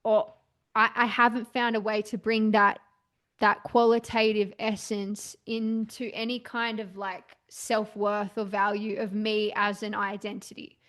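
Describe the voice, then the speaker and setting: A woman's voice: mid-range voice, little pitch movement, unhurried, fairly bright tone. Hesitant young woman, searching for words. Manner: hesitant, searching for words, many fillers and restarts. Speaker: podcast host and client. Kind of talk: candid therapy session talk.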